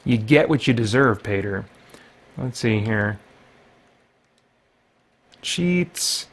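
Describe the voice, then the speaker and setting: Drawing out his words in an animated, medium-pitched voice, a middle-aged series host rambles playfully through gameplay and thinks aloud. Retro game music runs underneath.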